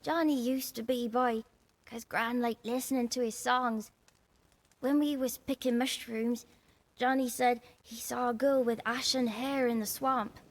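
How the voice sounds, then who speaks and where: A woman voicing a small orphaned village child in a video game, defiant yet frightened, with a British accent and halting rustic speech. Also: a little high, fairly even intonation. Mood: worried, shy.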